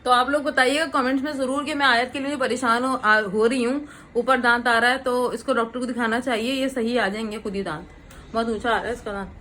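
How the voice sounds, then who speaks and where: A woman's voice: fairly high pitch, fairly even intonation, a little fast, pushed and bright, slight background noise, poor audio. A woman in her thirties, a mother, chatting casually to the camera about her day. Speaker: vlogger, mother. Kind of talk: casual home vlog chat.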